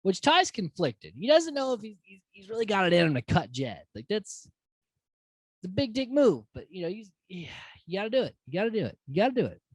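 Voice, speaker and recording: A woman hosting a casual, profane recap of a reality show, swinging from excited to exasperated. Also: mid-range voice, a little fast, slightly rough, dry recording. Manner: profane, animated, mimics houseguests in quoted asides.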